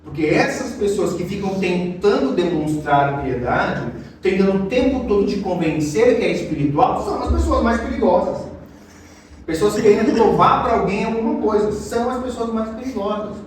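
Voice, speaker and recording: A man's voice: sits high, expressive, moderate pace. A Brazilian man preaching an expository sermon in a conversational, emphatic way with rhetorical questions. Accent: Brazilian Portuguese. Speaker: pastor. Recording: echoey hall, distant mic, faint noise.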